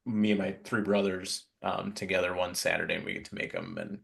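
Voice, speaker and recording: A very deep, gravelly-voiced man who is a podcast guest and a father. He reminisces in a relaxed way, with frequent ums. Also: fairly quick. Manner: relaxed storytelling, many ums. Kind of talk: casual panel chat.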